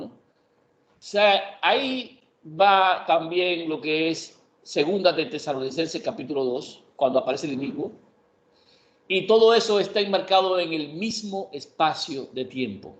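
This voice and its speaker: A man teaching Bible prophecy in an emphatic way, often asking a question and then answering it himself. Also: a little high. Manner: emphatic, asks and answers his own questions. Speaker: preacher. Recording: echoey room, dull lo-fi sound.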